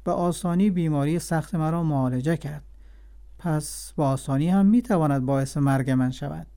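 Brief: man reading as a commanding, hot-tempered king, somewhat high and mellow voice, storybook telling. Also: close to an everyday voice. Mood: stern. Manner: commanding, quick to rage. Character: angry suspicious old king.

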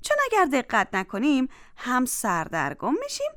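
A woman's voice: high voice, wildly swooping pitch, fairly bright tone, dry recording, clean studio sound. A woman with an Afghan Dari accent presenting a children's show, explaining a lesson to young viewers. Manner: instructive, encouraging. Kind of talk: addressing children, teaching.

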